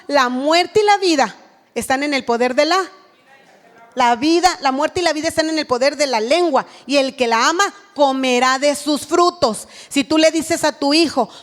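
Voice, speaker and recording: High-voiced woman preaching. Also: long reverb tail. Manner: earnest, teaching, acts out what a mother says to her child. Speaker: speaker at a women's church retreat. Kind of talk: sermon. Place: church retreat hall.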